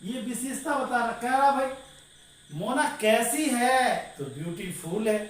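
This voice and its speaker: A man's voice: very high-pitched, a little slow. A man teaching English grammar to a class. He asks questions and then answers them himself, and he keeps calling his listeners "dear". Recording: very echoey room, voice far from the mic, faint noise.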